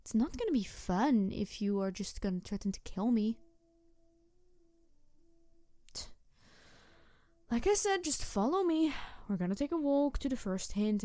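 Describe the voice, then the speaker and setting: This is a woman in a roleplay audio drama voicing a mischievous tanuki trickster spirit who is excitable, flirty, teasing, and prone to huffiness, talking straight to the listener. Her pitch is medium and her voice natural, with no echo. She sounds sulky.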